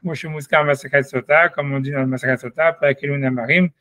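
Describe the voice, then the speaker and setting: A man teaching an informal Talmud lesson, thinking aloud in a halting way with many restarts. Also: medium pitch, steady tone, sharp tone, no room sound. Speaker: Torah study teacher.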